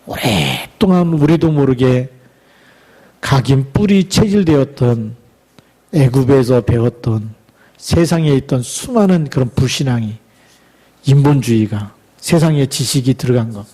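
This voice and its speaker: A middle-aged male pastor delivering a sermon, exhorting the congregation with rhetorical questions and reading scripture aloud slowly for emphasis. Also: mid-range voice, lively intonation, warm tone, husky.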